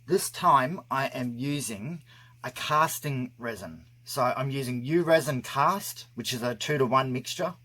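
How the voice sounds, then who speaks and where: A man hosts a casual craft tutorial with his mouth covered by a mask, so his words come out muffled. His voice is husky, and he explains each step at a slow, unhurried pace. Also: medium pitch, lively intonation, pushed and bright. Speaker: craft video host. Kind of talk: casual hands-on tutorial narration.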